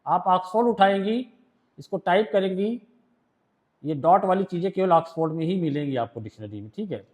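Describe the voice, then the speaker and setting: A man with an Indian accent and a high, expressive, darkish voice teaches shorthand in a classroom. Rules are read aloud slowly in English and then explained in Hindi, step by step, with frequent checks on whether the students have understood.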